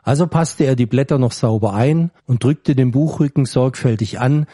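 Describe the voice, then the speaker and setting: A man reading a story aloud with a calm, measured delivery. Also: mid-range voice, dry recording, clean studio sound. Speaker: story reader. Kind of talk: scripted narration.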